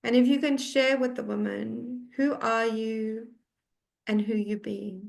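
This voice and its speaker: A woman hosting an interview series, introducing it with earnest conviction. Her voice sits a touch high with a gravelly edge. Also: fairly even intonation, a little slow. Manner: earnest, mission-driven delivery. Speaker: host and founder of the series.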